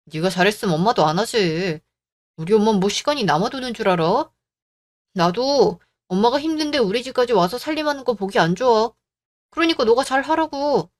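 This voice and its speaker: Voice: medium pitch, expressive, fairly quick, close to an everyday voice. A voice actor playing a stubborn young husband in a radio drama, brushing off his wife's complaints. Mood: dismissive. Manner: dismissive, blunt.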